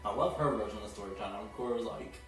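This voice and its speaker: A TV episode reviewer with a fairly low voice gives a quick, casual recap of an episode. He chats, giggles often, and acts out what the characters said. He sits far from the mic in a very echoey room, with faint music behind him.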